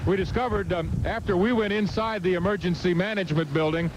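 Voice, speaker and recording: A man reporting live from outdoors in a storm, halting and raising his voice over the wind. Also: high-pitched, highs cut off. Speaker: field reporter. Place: outdoors in a hurricane. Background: loud outdoor storm ambience.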